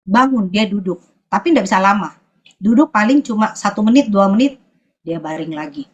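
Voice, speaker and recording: A woman from Sulawesi giving a personal testimony at church, often pausing to search for her words. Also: mid-range voice, breathy edge, highs cut off.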